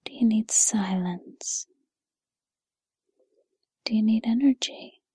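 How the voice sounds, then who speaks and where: A kindly, patient fairy godmother, played by a woman in a whispered role-play. She speaks in a very breathy, soft-edged whisper, taking her time. Her manner is soothing and encouraging as she reassures the listener. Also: on the high side, no echo, exaggerated voice. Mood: gentle, reassuring. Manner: soothing, encouraging, unhurried second-person address.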